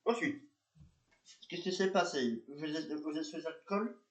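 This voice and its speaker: A man's voice: on the high side, expressive, a little slow. Hesitant man in an echoey room. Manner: hesitant, repetitive, many fillers. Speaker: narrator and police officer. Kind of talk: amateur reenactment of police patrol.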